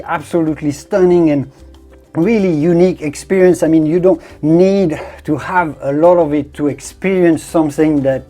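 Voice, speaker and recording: Wine reviewer: dark, relaxed tone, descriptive and emphatic delivery, presenting a tasting as an enthusiastic connoisseur. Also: medium pitch. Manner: effusive, descriptive, emphatic with repeated superlatives. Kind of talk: presenter-style product review and tasting commentary.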